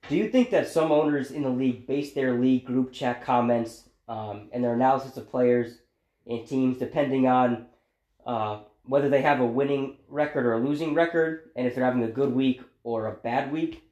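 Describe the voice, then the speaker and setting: A man's voice: medium pitch, normal speed, darkish tone. A man with a mid-range voice puts questions to his co-host in a laid-back, hesitant way. He fills gaps with ums and uhs in a casual podcast chat. The voice carries a roomy echo. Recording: echoey room.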